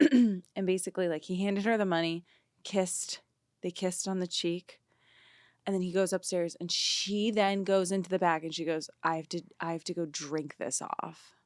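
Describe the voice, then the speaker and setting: Young woman co-host, lowish voice, casual storyteller, dry close sound. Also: a little mellow, clean tone, no room sound. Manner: chatty, storytelling, laughs often. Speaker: podcast co-host. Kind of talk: casual chat.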